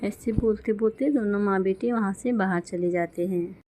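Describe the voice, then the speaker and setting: A woman's voice: medium pitch, moderate pace, mellow, a little hiss or hum. A woman narrating a children's cartoon story in a plain, matter-of-fact way.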